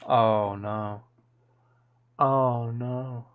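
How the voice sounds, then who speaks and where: Speaking extremely slowly in a steady, medium-pitched voice, a man chats casually on a gameplay livestream, and the sound is phone quality. He rambles enthusiastically and thinks aloud through ideas, as keyboard clicks come through clearly in the background.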